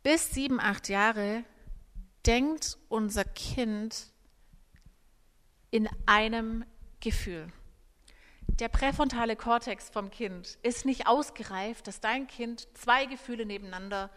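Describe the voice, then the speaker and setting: Animated woman speaking in a reverberant hall. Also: on the high side, slow, long pauses. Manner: animated, acts out parent and child voices. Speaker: parenting speaker. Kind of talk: live parenting talk to an audience.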